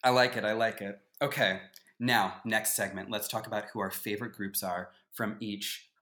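A man's voice: fairly low pitch, steady tone, normal speed, pushed and bright. A man co-hosting a podcast in casual chat, giving his opinions with emphatic swings. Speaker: podcast co-host.

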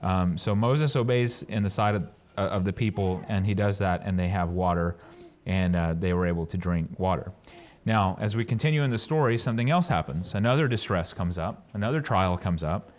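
A man teaching a Bible study sermon, reading verses aloud and explaining them in a halting way, often repeating words as he goes. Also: low voice.

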